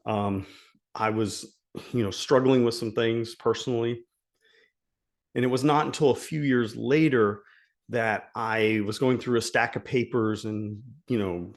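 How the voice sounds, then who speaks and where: A man giving a motivational coaching talk, earnest and emphatic, repeating key phrases for effect. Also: medium pitch. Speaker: life coach.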